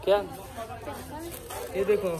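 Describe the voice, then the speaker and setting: A man's voice: slow pace, a crowd in the background. A man chatting playfully and casually on camera in a home vlog. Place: home, indoors.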